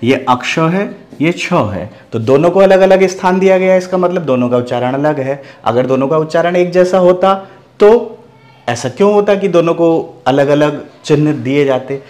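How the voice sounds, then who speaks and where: Higher-voiced man teaching a language lesson. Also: moderate pace, a little mellow. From Bihar, India. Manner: explains step by step with rhetorical questions and frequent "okay". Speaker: Hindi teacher. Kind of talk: online grammar lesson.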